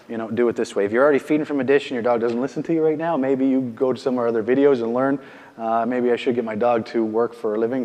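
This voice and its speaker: A man's voice: medium pitch, a little mellow. Man teaching dog training, reverberant room. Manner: casual, keeps asking "okay?" and "right?"; firm short commands to the dog. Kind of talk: instructional demonstration.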